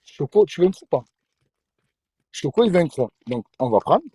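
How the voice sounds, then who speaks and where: A husky man hosts a livestream from his phone, riffing in crude, boastful slang. His voice sits a little high for a man. The talk is loose and teasing, like joking with friends. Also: sing-song, normal speed, warm tone, dry recording, studio quality. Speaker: livestream host. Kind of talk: casual livestream banter.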